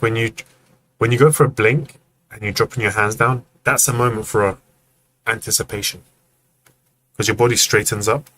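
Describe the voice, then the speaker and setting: A man's voice: fairly low pitch, fairly bright tone, slight background noise, low-quality recording. A man hosting a live stream, giving casual, friendly feedback on animation and acting out the movements as he explains. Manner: friendly, joking asides to chat.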